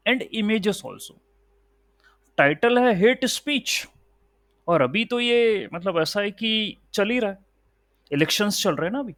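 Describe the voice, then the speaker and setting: A man's voice: sits high, dry recording. A man teaching a recorded coding tutorial, explaining step by step and checking in often with a short "okay" or "right". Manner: explains step by step, mixing Hindi and English. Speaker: instructor.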